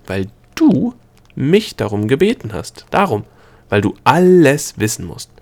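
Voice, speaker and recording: A man voicing a snappish, lecturing male gnome guide in an audiobook reading, brisk and curt. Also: fairly low pitch, animated, a little mellow. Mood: biting.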